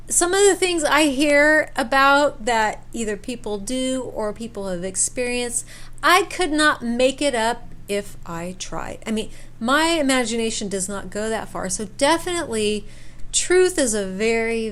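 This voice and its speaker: Her mid-range voice a bit bright, a woman recounts a personal camping experience casually, acting out pieces of dialogue and repeating words for emphasis.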